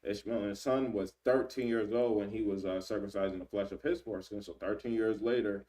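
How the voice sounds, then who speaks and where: Man in his thirties, deep mellow voice, casual scripture teaching, slightly distant from mic. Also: fairly even intonation. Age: 30s. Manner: conversational, fills with "man" and "right?"; reads scripture aloud and pauses to search. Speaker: Bible teacher.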